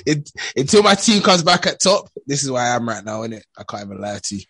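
A man's voice: medium pitch, very animated, fast talker, a bit bright, slightly rough. A young man with an urban London roadman accent, talking casually in street slang on a football podcast. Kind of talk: casual chat.

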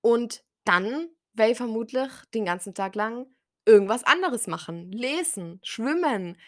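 A woman's voice: a little high, expressive, measured pace, no echo, studio quality. A young woman, hosting a casual solo podcast and acting out conversations as she chats. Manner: chatty, acts out conversations in quoted voices. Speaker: podcast host.

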